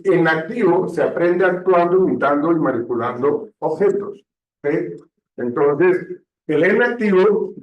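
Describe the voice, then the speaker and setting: A man teaching a classroom lecture, often pausing to check understanding, recorded from a distance in a classroom. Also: a little high, a little mellow. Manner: slow, checks understanding with frequent "¿sí?". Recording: echoey room, distant mic, dull sound.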